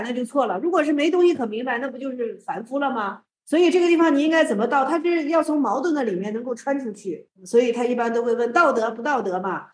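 A woman giving a casual talk on Zen teaching, telling old stories in a lively way. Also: a little high, reverberant. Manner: storytelling, lively, with restarts.

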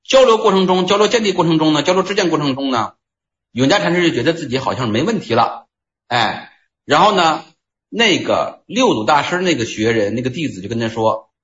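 A man leads a Buddhist study group, retelling a Zen story in a loose, chatty way that keeps restarting phrases. His voice sits a touch high and sounds roomy and dull, like a lo-fi recording in an echoey room. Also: animated, fairly quick, fairly bright tone.

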